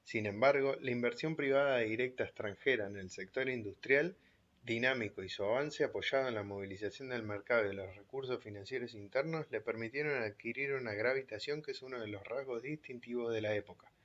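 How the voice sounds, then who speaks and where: A man reading an economics book chapter aloud in a steady, measured way, pausing at times to reread a phrase. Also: medium pitch. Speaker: reader of an economics text. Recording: dull lo-fi recording.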